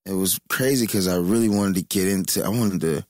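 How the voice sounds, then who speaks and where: Very deep-voiced man telling a halting story. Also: darkish tone, no echo. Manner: halting, many um's. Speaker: songwriter guest. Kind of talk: casual storytelling.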